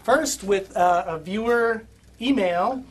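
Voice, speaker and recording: A man's voice: high-pitched, slow pace. A man from the American Midwest hosting a casual guitar shop podcast, chatting loosely with many fillers and laughs. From Midwest United States. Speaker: host, guitar shop owner.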